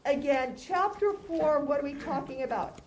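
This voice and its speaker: This anatomy and histology lecturer speaks through a face mask, so she sounds a bit muffled; her voice is high-pitched and darkish, and she moves at a moderate pace. She keeps the class lecture conversational by asking her listeners questions and then answering them, in an echoing, spacious room with noise in the background.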